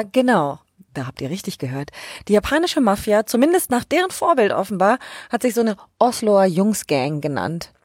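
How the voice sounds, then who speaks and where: Female recap host, breathy voice, dry close sound, casual and wry. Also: mid-range voice, no room sound. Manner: chatty and colloquial, with wry asides. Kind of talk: casual episode recap narration.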